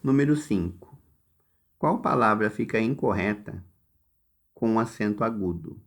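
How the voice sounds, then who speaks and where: A Brazilian man with a low, gravelly voice talks his students through workbook exercises. He speaks slowly, stressing each word, and gives patient step-by-step directions. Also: lively intonation. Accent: Brazilian Portuguese. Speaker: Portuguese teacher. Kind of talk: recorded lesson walking through workbook exercises.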